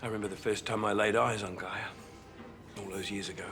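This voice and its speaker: An actor with a New Zealand accent playing a secretive, brooding man who raised a girl, speaking slowly in a hushed, menacing way. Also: lowish voice, little pitch movement, natural voice. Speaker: actor in a TV series. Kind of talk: TV drama acting. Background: music.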